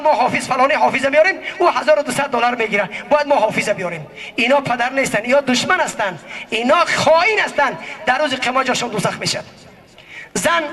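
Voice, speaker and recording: A man with a Tajik accent giving an impassioned sermon that mixes a moral story with scolding, at times shouting. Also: extremely high pitch. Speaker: preacher. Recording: echoey hall from far off.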